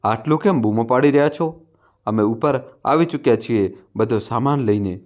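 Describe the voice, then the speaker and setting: A curt young daughter-in-law from a storybook tale, sharp-tongued and dismissive, snapping out her lines a little higher and quicker, as a male narrator puts her on. The voice stays at a plain middle register otherwise. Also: lightly acted.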